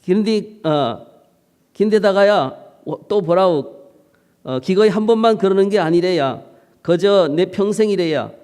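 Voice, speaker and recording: Pastor doing folksy North Korean dialect psalm reading; slightly raised, smooth, hall reverb. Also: male voice, high voice, expressive, measured pace, a little mellow, pitched above the performer's own voice. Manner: folksy, drawling, playful.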